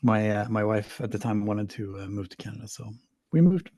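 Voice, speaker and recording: A middle-aged man from Sweden talks casually as a podcast guest, rambling and poking fun at himself. His voice sits low. The recording is dry and close. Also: animated, brisk, warm tone, dry recording. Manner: rambling, self-deprecating, frequent restarts. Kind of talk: casual interview talk.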